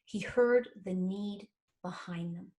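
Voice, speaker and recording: A woman, a life and career coach telling stories in an interview, animated and acting out the voices of people she quotes. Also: medium pitch, slow. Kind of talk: conversational interview storytelling.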